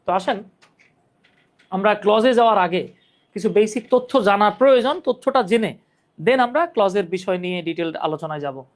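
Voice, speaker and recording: A man's voice: high voice, expressive, normal speed, pauses often. A man from Bangladesh teaching an English grammar lesson on a live stream, chatty and joking as he talks straight to his students. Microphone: phone.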